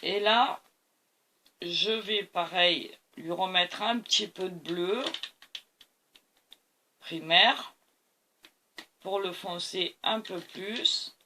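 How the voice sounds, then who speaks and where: A woman's voice: fairly low pitch, extremely slow, long pauses, pushed and bright. A tired woman hosting a painting tutorial, talking to camera as she mixes colors and keeps praising them. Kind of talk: art demonstration talk to camera.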